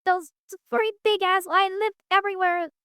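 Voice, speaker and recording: High-voiced, sarcastic woman reacting to a video. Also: fairly even intonation, normal speed, bright, forceful tone, no room sound, clean studio sound. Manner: sarcastic, laughing, swears casually. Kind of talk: casual reaction commentary.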